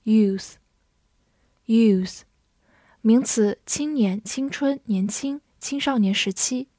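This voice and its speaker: A woman reading an English vocabulary review. She says each word twice in a deliberate way, then gives its part of speech and meanings. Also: fairly high pitch, darkish tone, no echo, clean studio sound.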